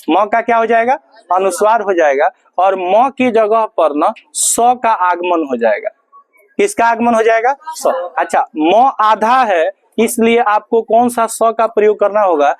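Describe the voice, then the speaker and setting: Male teacher, Bihari Hindi accent, high-pitched, dry close sound, repeats questions for the class to answer. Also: no room sound. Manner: drills with call-and-response questions. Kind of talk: classroom grammar lesson.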